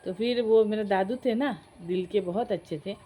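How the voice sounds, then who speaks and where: A woman's voice: mid-range voice, normal speed, husky, low-quality recording. A woman, chattily telling a family story to her viewers. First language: Sylheti Bengali. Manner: chatty, addresses friends, animated retelling. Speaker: vlogger. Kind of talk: casual storytelling.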